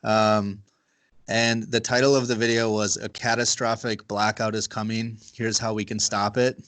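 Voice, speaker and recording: A man's voice: on the low side, little pitch movement, moderate pace, fairly bright tone. A man hosting a podcast over a video call, chatting casually, rambling and swearing. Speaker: podcast host. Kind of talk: casual chat.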